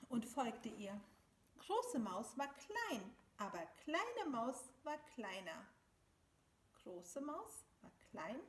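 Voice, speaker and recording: A woman's voice: on the high side, roomy sound, a little hiss or hum. A woman reading a children's story aloud, switching between two languages in a sing-song way. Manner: slow, animated, sing-song.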